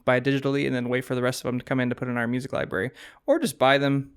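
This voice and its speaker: A man's voice: medium pitch, flat delivery, very fast, a little hiss or hum. A man co-hosting a podcast in casual chat, talking loosely with fillers about teaching choir. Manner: chatty, lots of fillers and laughs. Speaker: podcast co-host.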